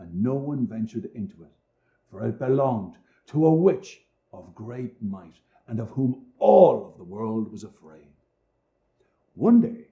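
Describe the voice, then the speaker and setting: A man performing a fairy tale aloud, varying his loudness and pace for drama. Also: mid-range voice, dull audio. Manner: expressive, swinging loudness and pace for effect. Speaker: storyteller.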